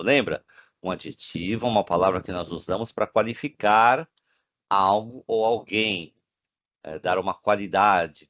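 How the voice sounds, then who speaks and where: A man teaching an online English class in Portuguese with a Brazilian accent, drawing out the English examples slowly and checking in with the students often. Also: fairly low pitch, fairly bright tone, dry recording. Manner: slow, drawn-out English examples, frequent "né?" check-ins. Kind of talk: online class explaining grammar. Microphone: video call.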